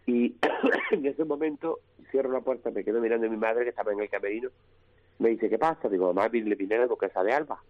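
A man from Cádiz province with an Andalusian accent, a comedian telling lively anecdotes in a radio interview, acting out the people in them. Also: medium pitch, quick pace, phone-quality sound. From Cádiz province, Spain. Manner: lively anecdotes, mimics his mother's voice. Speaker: comedian guest. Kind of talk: animated storytelling in a radio interview.

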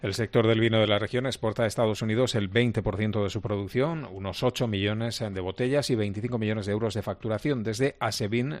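A man presenting regional radio news, reading in a brisk, steady newsreader manner. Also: lowish voice.

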